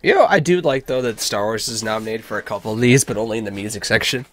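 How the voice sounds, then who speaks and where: A man co-hosting a casual podcast, dry and joking, with halting restarts. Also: on the low side. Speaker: podcast co-host. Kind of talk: casual chat.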